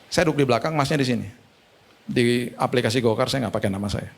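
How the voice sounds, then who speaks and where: A male pastor, preaching a sermon through lively, humorous storytelling. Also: medium pitch, fast, vocal fry.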